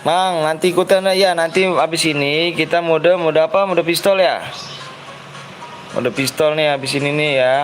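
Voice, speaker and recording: A man's voice: on the high side, rough recording. Repetitive Betawi-accented man over game music. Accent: Jakarta Betawi. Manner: quick, repetitive, coaxing other players. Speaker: streamer running a custom game room. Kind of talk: live game stream chat. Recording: music playing behind.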